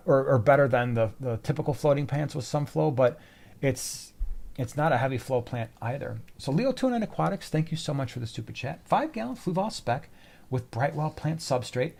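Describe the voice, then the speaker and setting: A man's voice: medium pitch, a little mellow. Chatty man hosting a live stream. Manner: chatty, joking, answers viewer questions. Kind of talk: casual live stream chat.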